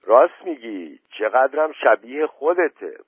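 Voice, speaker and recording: A man's voice: mid-range voice, very animated, breathy edge, no room sound, voice pushed up. A man voicing a young villager who teases slyly, recorded dry through a phone-like line. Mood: teasing. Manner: teasing, sly. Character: young villager, sly and teasing.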